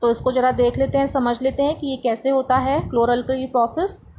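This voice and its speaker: High-pitched woman tutoring chemistry. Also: steady tone, normal speed, a little mellow, poor audio. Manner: explains step by step with rhetorical questions. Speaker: science tutor. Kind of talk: classroom lesson explanation.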